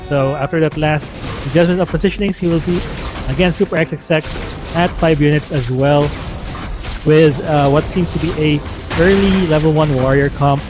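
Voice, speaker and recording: A man calls an esports match live in a higher-pitched voice, with plenty of fillers as he explains the play. The stream audio is dull and lo-fi. Loud game music runs behind him throughout. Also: steady tone, normal speed. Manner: conversational, with frequent fillers. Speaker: esports caster.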